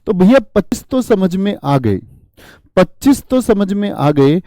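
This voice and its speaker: Male teacher, mellow slightly high voice, dry close sound; quizzes the class, repeats answers, uses mnemonics. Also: very animated, a little slow, no echo. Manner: uses memory tricks and jokes. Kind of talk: classroom lesson.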